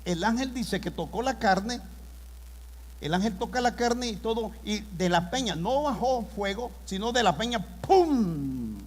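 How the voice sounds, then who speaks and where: A man preaching a sermon, impassioned, with sudden loud bursts. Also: high-pitched, normal speed. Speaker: pastor. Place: church hall. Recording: long hall reverb.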